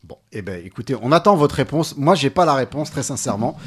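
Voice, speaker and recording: A man with a middle-pitched voice hosts a small local radio program. He talks in a relaxed, hesitant way, filling gaps with soft fillers. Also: fast, breathy edge. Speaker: radio host. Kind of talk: local radio show hosting.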